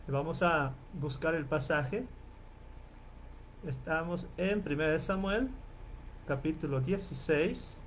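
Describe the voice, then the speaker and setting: Man, professor, online lecture, fairly high voice, faint background noise, patient explainer. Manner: explanatory, checks in with listeners often; spells out and repeats Hebrew terms slowly. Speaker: Bible professor.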